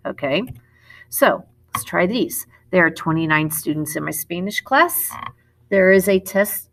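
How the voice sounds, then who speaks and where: A woman's voice: lowish voice, fairly bright tone. A middle-aged woman as a Spanish teacher, recording a classroom lesson video, explaining step by step and correcting herself as she goes.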